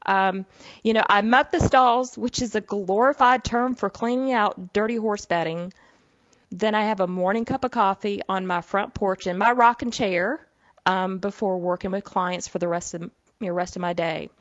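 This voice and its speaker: Speaking at a moderate pace in a mid-range voice, a middle-aged Southern US woman runs her own podcast as a psychic medium. Her solo monologue is casual and folksy, peppered with "you know." The recording has no room sound and comes across as dry, dull and a bit lo-fi.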